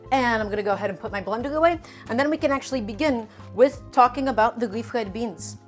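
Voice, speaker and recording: Live from her home kitchen, a cooking streamer whose native language is Russian chats casually through a recipe demo, answering viewer comments while she cooks. Her voice runs a little high and quick, with faint music behind.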